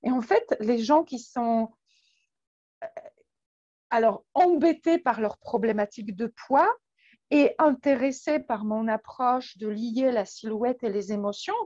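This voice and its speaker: A woman's voice: fairly high pitch, a little slow, darkish tone, no echo, dull audio. A woman from Poland with a Polish accent, speaking French as a guest in a casual interview, hesitant and full of fillers and restarts. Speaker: guest coach.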